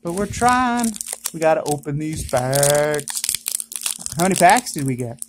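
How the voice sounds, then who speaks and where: Chatty card-opening vlogger, excitable. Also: medium pitch, a little slow, slight background noise. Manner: chatty, excited exclamations at each pull. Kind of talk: casual unboxing commentary. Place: indoors at home.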